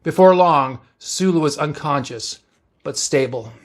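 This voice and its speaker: A man reading fan fiction aloud as narrator, in a steady, plain storytelling way. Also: a little high, unhurried.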